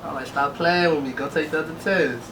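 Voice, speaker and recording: A man's voice: fairly high pitch, fast. A twenty-year-old man co-hosting a casual Q&A vlog, laid-back and full of slang. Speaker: vlog co-host. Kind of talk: casual Q&A chat. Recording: distant mic with steady background noise.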